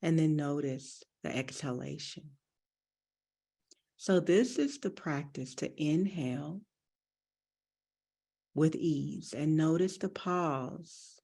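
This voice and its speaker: A meditation teacher leads a breathing meditation in a low, mellow, husky voice with a touch of vocal fry. Her instructions are soothing, gentle, and deliberate, delivered at an unhurried pace.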